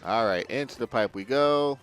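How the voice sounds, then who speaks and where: A man's voice: mid-range voice, moderate pace, smooth, soft background music. A man giving casual let's-play commentary as he hosts a gaming video.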